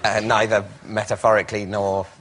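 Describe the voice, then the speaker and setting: A man's voice: lowish voice, level tone, a little fast. A man who captains a team on a panel game show, launching into indignant, sardonic comic rants. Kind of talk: comic rant. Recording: TV studio with heavy noise.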